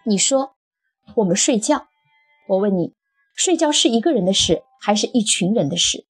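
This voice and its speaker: A woman voicing a quarrelsome young wife, breathy, firing off rapid, shrill retorts. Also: expressive, soft background music. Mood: indignant.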